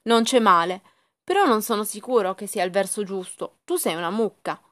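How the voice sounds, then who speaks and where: A woman voicing a sad, earnest young male dog in a storybook reading, speaking higher than her own voice. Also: normal speed, a bit bright, lightly acted. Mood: puzzled.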